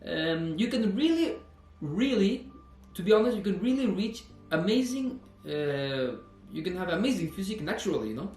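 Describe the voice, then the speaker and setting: A man's voice: high-pitched, sing-song, moderate pace, a little mellow, reverberant, soft background music. A man, a personal trainer talking earnestly in a fitness vlog, repeating himself and saying "you know" often. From Norway. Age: 20s.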